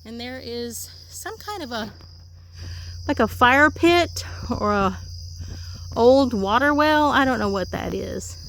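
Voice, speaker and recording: Woman, casual vlog host, upbeat rambling chat outdoors, slightly breathless, pitched a little high. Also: expressive, slow, a bit bright, slight background noise. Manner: chatty, rambling, easily amused. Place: outdoors in a rural horse pasture.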